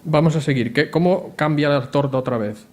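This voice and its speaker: A man's voice: a little high, fairly quick. A man preaches in an easy, conversational way, voice sitting a little above the usual male range. He keeps turning to the congregation with questions. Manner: chatty, asks the congregation questions. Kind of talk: conversational sermon.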